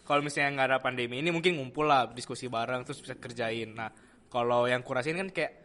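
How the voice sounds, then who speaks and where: A man's voice: medium pitch, fast, pushed and bright. A young man, a university student, chatting casually as a guest and politely calling the host "Kak". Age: young adult. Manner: chatty, many fillers, calls the host "Kak". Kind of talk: casual chat.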